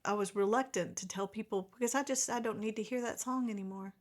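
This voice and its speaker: A woman's voice: mid-range voice, fairly even intonation, quick pace. A middle-aged woman with an Oklahoma accent, co-hosting a podcast and telling stories in an easygoing, casual way. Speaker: podcast co-host. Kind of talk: casual chat.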